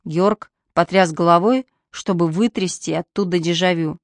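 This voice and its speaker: A woman narrating a humorous audiobook with lively, wry storytelling. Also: lowish voice, normal speed, dry recording.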